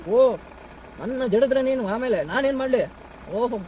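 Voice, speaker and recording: A man acting a bumbling, greedy yet soft-hearted kidnapper in a comic skit, talking in a rambling, rustic way outdoors. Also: very high voice, lively intonation, moderate pace. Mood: scheming. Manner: rambling, chatty, rustic talk. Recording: street noise with idling engine.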